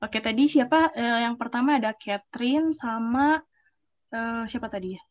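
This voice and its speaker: A young woman teaching an online language class, her voice sitting fairly high. She walks through each point step by step and keeps checking whether the students follow. She reads example phrases aloud between her explanations. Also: moderate pace, dull audio.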